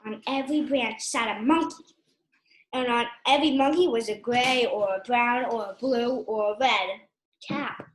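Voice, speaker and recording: A woman reading a picture book aloud, stopping for gentle asides and questions to her listener. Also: a little high, normal speed, rough recording. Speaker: storyteller.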